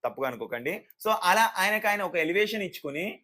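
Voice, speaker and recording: Sarcastic, bright-voiced male reviewer. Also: sits high, brisk. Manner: sarcastic, animated, mimics people. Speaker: reality show reviewer. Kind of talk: casual review vlog.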